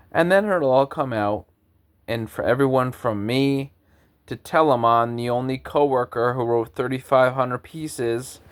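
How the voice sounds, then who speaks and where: A man's voice: medium pitch, clear, resonant tone. A man in his thirties, a composer, giving an earnest, lecturing, grandiose spoken monologue. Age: 30s.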